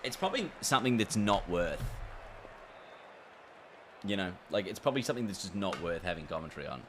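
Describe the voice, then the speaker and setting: Male streamer, deep voice, chatty play-by-play over a game, steady background noise. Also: a little fast, crowd noise. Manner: chatty, reacts aloud to the game and answers chat. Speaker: gaming streamer. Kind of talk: casual livestream chat while playing.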